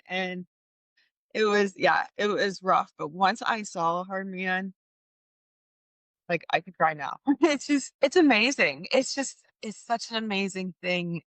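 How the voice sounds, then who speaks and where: Brief: thirties mom guest, animated and laughing, crisp bright tone. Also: female voice, mid-range voice, takes it slowly, no echo. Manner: animated, laughing, many restarts. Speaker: podcast guest. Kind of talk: candid storytelling chat.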